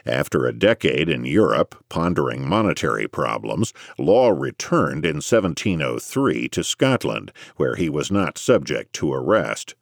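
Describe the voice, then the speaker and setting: A man reading scholarly history narration in a measured, erudite lecturing manner with dry emphasis. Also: a bass voice, very animated, creaky, no echo. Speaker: audiobook narrator.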